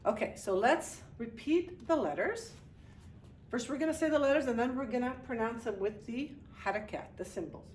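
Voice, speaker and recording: A woman's voice: fairly high pitch, lively intonation, moderate pace, a little mellow, a little hiss or hum. A woman teaching a beginner language lesson in a classroom, patient and encouraging, repeating sounds and praising often. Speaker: Arabic teacher. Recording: echoey room, distant mic, faint ambience.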